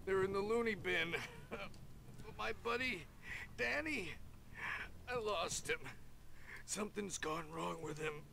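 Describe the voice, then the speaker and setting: An actor playing a frantic, drunk male sidekick in a video game, with a gravelly, slurring voice. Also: sits high, lively intonation, slow, pauses often, slight background noise, full character voice. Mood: rambling drunk. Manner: panicked shouting, then rambling.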